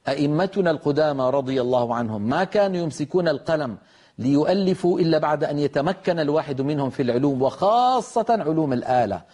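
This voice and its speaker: A man teaching Quran recitation rules in a televised lesson, explaining step by step in a measured way and slowly demonstrating the pronunciation. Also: fairly high pitch, dark tone.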